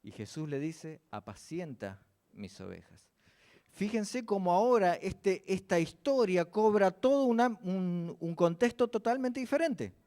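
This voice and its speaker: A man's voice: sits high, lively intonation, a little slow, few pauses, warm tone. A man preaching a church sermon, often asking the congregation questions and answering them himself.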